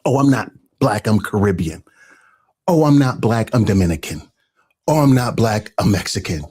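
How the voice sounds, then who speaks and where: A man hosting an earnest, conversational commentary, growing animated as he talks. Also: fairly low pitch, moderate pace, breathy edge. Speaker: host. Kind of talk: casual commentary.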